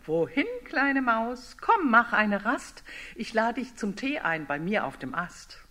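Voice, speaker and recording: An older woman voicing an owl in a slow, drawn-out, hooting manner while reading a picture book. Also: a little high, big pitch swings, pushed and bright, heavily acted. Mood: inviting, startled.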